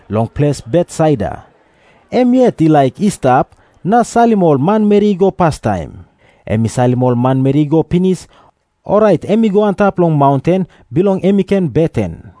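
Mellow, high-voiced Papua New Guinean man narrating. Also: dry recording. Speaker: scripture narrator. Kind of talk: scripted Bible narration in Tok Pisin.

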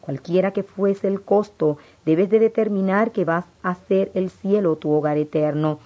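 A woman narrating a first-person religious testimony in an earnest, steady reading voice. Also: mid-range voice, moderate pace. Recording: dull lo-fi recording.

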